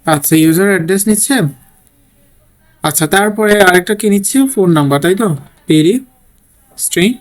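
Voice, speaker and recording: A man's voice: high-pitched, fairly quick, pauses often. A man teaching a programming lesson while typing code, thinking aloud and often checking in with "okay?". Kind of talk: screen-recorded coding tutorial.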